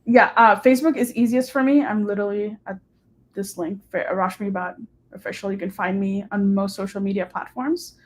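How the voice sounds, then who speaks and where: Over slight background noise, a young adult woman talks fairly quickly in a mid-range voice with fairly even intonation. She's a guest on a live-streamed interview, a short-term rental host and hotel manager, sounding casual, upbeat, and heavy on "like" and "um" fillers.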